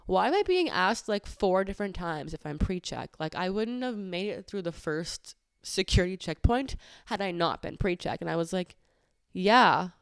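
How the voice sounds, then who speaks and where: A woman podcast host chats through a story in a loose, filler-heavy way, her voice a touch lower than most and smooth and clean. The sound is dry and close, with no room around it. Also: sing-song, moderate pace, dry recording. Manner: chatty, many filler "like"s, exasperated retelling. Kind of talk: casual storytelling monologue.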